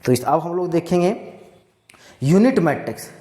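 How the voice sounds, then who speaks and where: A man's voice: a little high, big pitch swings, normal speed, dark tone. A man teaching a math lesson, who keeps asking rhetorical questions and repeating key phrases, mixing with terms. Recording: echoey room with long reverb.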